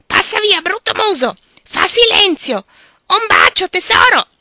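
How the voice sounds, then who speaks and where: A woman voicing a cheeky, boastful pet parrot with shrill squawking mimicry. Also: big pitch swings, a little slow, sharp tone, no room sound, exaggerated voice.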